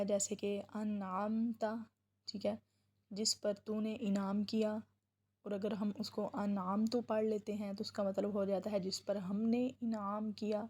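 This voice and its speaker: A woman with a mellow, warm voice gives a patient tajweed lesson. She repeats words slowly to model pronunciation and often pauses to check in. She slowly draws out recited verses as examples. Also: mid-range voice. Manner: says "ٹھیک ہے" often as a check-in; chants Quranic verses slowly in a drawn-out recitation. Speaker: Quran recitation teacher.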